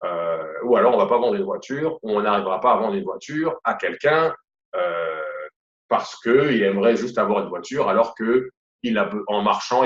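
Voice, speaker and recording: A man with a Quebec French accent giving a casual sales lesson, chatty and full of fillers and repeated stock phrases. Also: on the low side. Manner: chatty, repeats "voilà" and "tout simplement", many fillers. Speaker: sales trainer. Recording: roomy, dull lo-fi audio.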